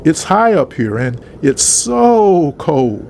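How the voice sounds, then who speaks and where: A man's voice: fairly high pitch, sing-song, takes it slowly, gravelly, darkish tone, slight background noise, exaggerated voice. A man doing a plain-spoken older man. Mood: uneasy.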